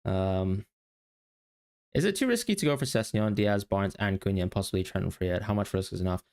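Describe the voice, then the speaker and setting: Low-voiced man rambling through analysis. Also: expressive, a little fast, darkish tone. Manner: rambling, self-correcting, thinking aloud. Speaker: podcast co-host. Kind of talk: casual analytical chat.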